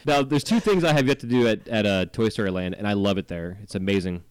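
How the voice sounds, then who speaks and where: A man's voice: lowish voice, fast talker, smooth, dry recording. A man co-hosting a casual, joking podcast chat, with slushy S sounds that come out slurred. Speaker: podcast co-host. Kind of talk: casual podcast chat, partly reading out items.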